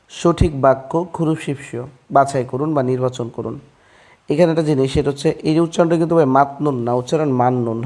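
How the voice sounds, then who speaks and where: A man teaches a relaxed language lesson in a slightly high voice. He talks to the viewer like a brother and keeps stopping to ask whether things are clear. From Bangladesh. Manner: addresses listener as brother, asks quick check questions. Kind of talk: casual explanatory lesson.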